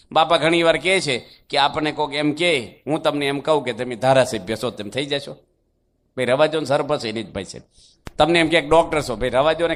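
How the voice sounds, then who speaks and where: A man preaches a devotional sermon, his voice sitting a little higher than most men's. He tells homely stories in a chatty, folksy way and keeps asking his listeners questions. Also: fairly bright tone. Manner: folksy, conversational storytelling with rhetorical questions. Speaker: monk preacher.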